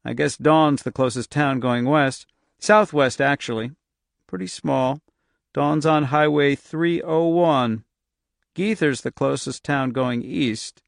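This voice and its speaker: A man voicing a dazed male psychiatrist who speaks in a dreamy, distant, slow voice that trails off, as in an audiobook. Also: medium pitch, gravelly, no room sound, clean studio sound. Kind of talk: audiobook narration.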